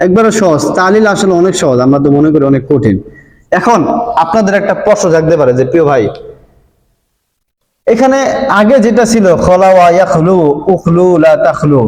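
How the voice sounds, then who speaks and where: Male grammar teacher at a board, high-pitched, patient, repeats and checks in, roomy and reverberant sound. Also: darkish tone. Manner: patient, repeats points and checks understanding often. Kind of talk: board lesson explaining Arabic verb forms. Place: room with a board. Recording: echoey room with long reverb.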